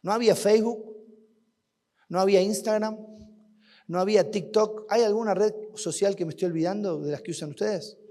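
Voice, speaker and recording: A man with an Argentine accent preaches a sermon at a youth camp, posing rhetorical questions and swinging between loud and hushed. His voice is high-pitched and a little fast, and the recording carries a long hall reverb.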